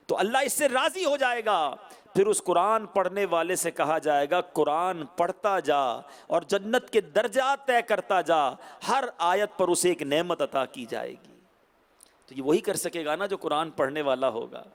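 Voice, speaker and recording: Male preacher, high pitch, exhorting sermon delivery. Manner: exhorting, animated, often rising in pitch.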